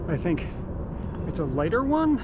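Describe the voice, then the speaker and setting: A running vlogger chats and rambles in a laid-back way while out on a run near a car, his high voice swinging widely in pitch at an unhurried pace. The outdoor recording picks up car and ambient noise.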